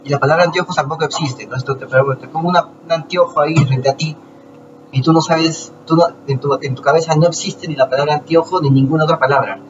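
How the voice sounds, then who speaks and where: A man talking to his viewers in a casual lecture, explaining slowly with rhetorical questions and frequent restarts. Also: on the high side, fairly even intonation. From Peru. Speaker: channel host. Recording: distant lo-fi mic with noise.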